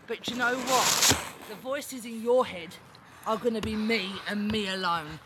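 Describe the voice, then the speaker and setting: A woman's voice: mid-range voice, measured pace, heavy background noise, close to an everyday voice. A woman playing a gloating demon queen of the underworld in a menacing villain promo, with cackling laughs.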